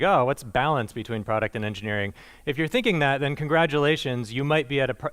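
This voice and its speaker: A man with a smooth, mid-range, slightly bright voice gives a conversational conference presentation. He uses lots of fillers and restarts, and his humor is dry and self-deprecating.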